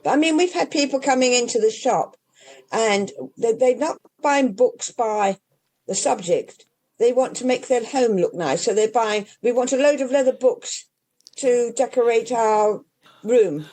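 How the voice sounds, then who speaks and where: An older Englishwoman who owns an independent bookshop chats casually in an interview, rambling through restarts and asides. Her voice is mellow, slightly high, and a touch slow.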